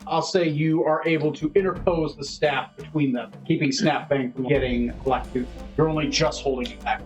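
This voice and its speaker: A man's voice: on the high side, steady tone, normal speed. A man narrating a tabletop game as game master, describing scenes and calling for dice rolls. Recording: dull lo-fi recording. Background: faint music.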